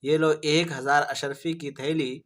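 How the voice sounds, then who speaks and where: A man's voice: a little high, level tone, a bit bright, lightly acted. A man voicing Mister Winter, a personified season and a generous male figure from a storybook, speaking with grand, blessing kindness. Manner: benevolent, grandly blessing and giving.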